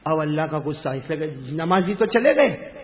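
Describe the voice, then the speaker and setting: A man's voice: a little high, expressive. A man preaching a sermon, pushing the congregation to call the answers back to him. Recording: echoey hall over a tinny phone-like line.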